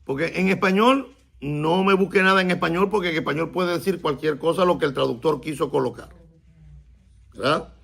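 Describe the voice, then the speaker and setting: A man, a rabbi, teaching a Bible class, explaining words slowly and asking his students questions. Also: fairly high pitch, vocal fry, a bit bright. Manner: stresses and repeats key words slowly.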